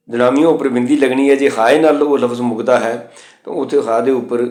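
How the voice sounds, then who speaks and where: A man teaching correct pronunciation of scripture, reciting verses slowly and then explaining the grammar point by point. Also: mid-range voice, a little mellow, roomy sound.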